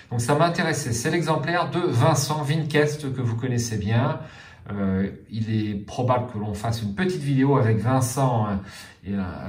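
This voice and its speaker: A man's voice: medium pitch, darkish tone, reverberant. A man hosting a board game channel, talking casually to his viewers with many fillers and restarts.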